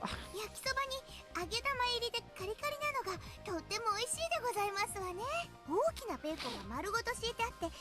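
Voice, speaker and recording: Teasing teenage anime girl, very high, fast, lively, game music behind. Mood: cheerful. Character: playful teenage anime schoolgirls, teasing and sweet. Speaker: Japanese voice acting for game characters.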